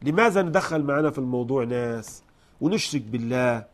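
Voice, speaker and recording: A man teaching Quran recitation. He shifts between slow, melodic chanting of verses and quick spoken explanations of pronunciation. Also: medium pitch, animated. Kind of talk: Quran recitation lesson with commentary.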